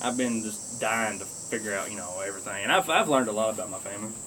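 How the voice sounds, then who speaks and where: Talking fast in a lowish, bright and forceful voice, a pipe-smoking blogger from Kentucky rambles casually to his audience in drawling country speech. The audio is poor, with slight background noise.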